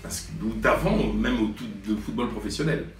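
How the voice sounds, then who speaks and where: A man's voice: lowish voice, expressive, normal speed. A French man in his late forties, a sports journalist, recounting memories in a hesitant way with many fillers and restarts. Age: 40s. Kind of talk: reflective storytelling to camera. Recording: roomy sound from a distance, faint music.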